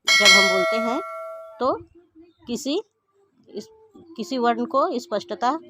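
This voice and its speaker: A woman teaching a grammar lesson, who states each point and then explains it again in simpler words, and reads word pairs slowly, one after another. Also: a little high, a little hiss or hum.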